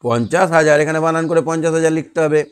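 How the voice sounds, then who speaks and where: A man's voice: a little high, racing, clear, resonant tone. Patient male math teacher. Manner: patient, asks and answers his own questions. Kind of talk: online math lesson. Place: online class on a video call.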